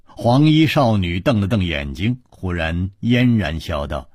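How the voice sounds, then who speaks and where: A man reading a martial-arts tale aloud with lively, animated pitch. His voice is a little husky, recorded close and dry. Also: unhurried, no echo. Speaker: storyteller. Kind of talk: audiobook storytelling.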